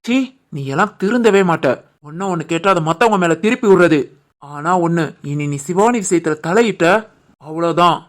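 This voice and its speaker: A woman voicing an earnest, soft-hearted young husband and son in an animated family drama, with a Tirunelveli Tamil accent. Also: lowish voice, normal speed, close to an everyday voice. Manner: earnest, pleading.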